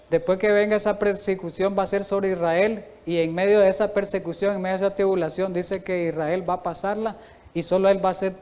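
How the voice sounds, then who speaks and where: Male preacher, high-pitched, emphatic Bible teaching, long church reverb. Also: darkish tone, clean tone. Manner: emphatic Bible teaching, reads quotes slowly, asks the congregation questions. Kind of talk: sermon.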